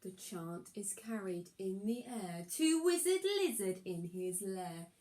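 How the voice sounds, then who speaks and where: Here a woman with a mid-range voice gives a teacherly reading of a rhyming children's story, deliberate and sing-song with plenty of expression.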